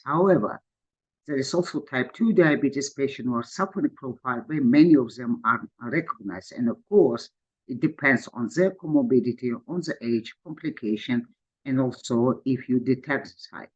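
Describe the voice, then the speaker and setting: A man from Georgia delivers a webinar talk as an endocrinologist. His English is halting, with frequent pauses and fillers. The audio is a little dull, like a video call. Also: mid-range voice. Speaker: conference speaker, endocrinologist. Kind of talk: webinar presentation.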